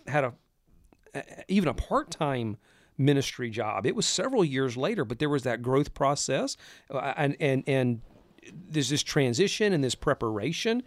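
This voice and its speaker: A man in ministry, talking earnestly and reflectively in a casual conversation, telling his own story of a calling with lively retellings. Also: a little high, no echo, studio quality. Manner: earnest storytelling, animated when recalling. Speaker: podcast co-host, minister.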